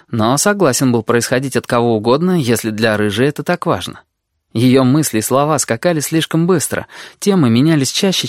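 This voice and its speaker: An audiobook narrator giving a steady storytelling read. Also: mid-range voice, dry recording, clean studio sound. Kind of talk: scripted narration.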